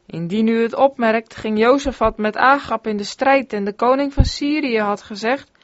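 A woman reading an old-fashioned sermon aloud in an earnest, measured way. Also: a little high, no room sound. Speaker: sermon reader. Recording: dull, dry lo-fi recording.

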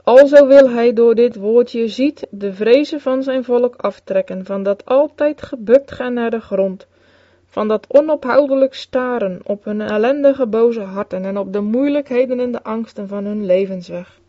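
A woman reading an old-fashioned sermon aloud in a solemn, measured way with archaic phrasing. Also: fairly high pitch, dry recording. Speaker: sermon reader. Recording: dull, lo-fi recording, dry.

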